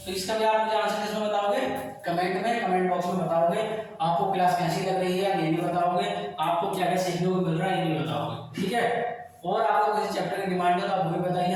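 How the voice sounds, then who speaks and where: Hindi-accented male coaching teacher, high voice, echoey classroom, heard from afar; quizzes and exhorts students. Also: fairly even intonation, brisk, slight background noise. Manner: exhorting, keeps asking students to answer, repeats "ठीक है?". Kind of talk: classroom math lesson with motivational talk. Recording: echoey classroom, far from mic.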